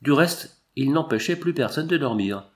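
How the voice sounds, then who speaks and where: A man narrating a novel in an expressive, measured reading. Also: fairly high pitch.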